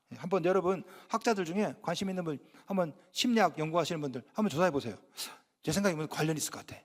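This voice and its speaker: A man preaching a sermon as pastor in a church, lively and joking, acting out scolding voices. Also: sits high. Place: church sanctuary. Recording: reverberant church hall.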